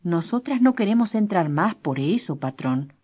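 A woman's voice: on the low side, very animated, normal speed, husky. A woman voicing an old rural housemaid who speaks in a plaintive, complaining way. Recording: dull lo-fi recording.

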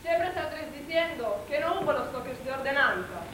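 A stern townsperson from a stage drama, played by a woman, lectures in a high voice. The sound is distant and echoey, with clear noise. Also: expressive, moderate pace. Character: stern law-and-order townsperson scolding the poor. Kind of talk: theatrical stage drama acting. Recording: echoey, distant, noisy pickup.

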